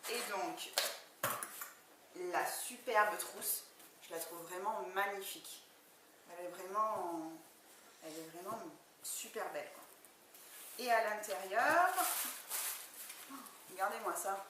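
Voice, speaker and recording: A woman's voice: mid-range voice, takes it slowly, long pauses, pushed and bright. A woman chatting enthusiastically while unboxing makeup, speaking casually with many fillers, filmed indoors from a distance on the camera mic. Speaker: beauty vlogger. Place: indoor room, far from the camera. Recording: echoey room, distant mic, background noise.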